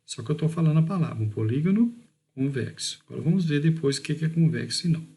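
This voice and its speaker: Man teaching geometry, mellow voice. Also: fairly high pitch, lively intonation. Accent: Brazilian Portuguese. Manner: explains step by step, stretching key words slowly; checks in with "beleza?", "tá bom?", "ó". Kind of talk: recorded math lesson over slides.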